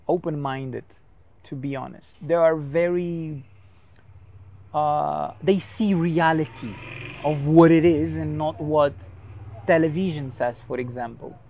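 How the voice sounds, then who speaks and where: A dance teacher whose native language is a Portuguese creole answers interview questions in English at length and thoughtfully, using everyday comparisons to explain things. His voice sits on the high side with a darkish tone.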